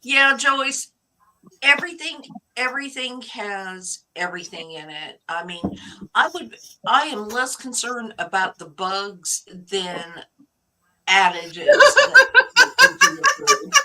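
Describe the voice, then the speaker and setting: A woman's voice: fairly high pitch, big pitch swings, takes it slowly, pushed and bright, poor audio. A woman chatting casually, opinionated and joking, laughing often. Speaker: chat show participant. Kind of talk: casual chat.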